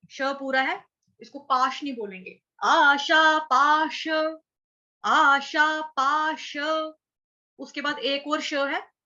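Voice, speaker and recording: A woman teaching Sanskrit verse pronunciation. She breaks each word into syllables, draws out slow chanted examples, and asks and answers her own questions. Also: high voice, bright, forceful tone, dull audio.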